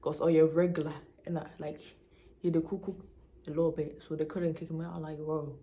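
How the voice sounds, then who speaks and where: A young woman with a Ghanaian accent tells a story to camera in an emphatic, animated way, mixing local slang into her talk. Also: low voice, brisk. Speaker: vlogger.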